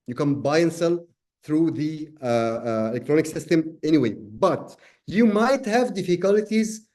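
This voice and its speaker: Brief: man, from Egypt, webinar host, easygoing and halting, somewhat high voice, mellow tone. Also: lively intonation. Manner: casual, many fillers, friendly "man". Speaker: trading webinar presenter. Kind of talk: live webinar Q&A.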